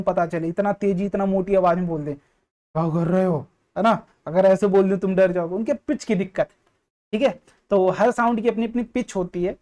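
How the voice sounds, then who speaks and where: A high-sitting, warm and mellow male voice leads an online exam-prep physics class, taking students through every point with patience and frequently making sure they keep up. English terms are sprinkled through what he explains.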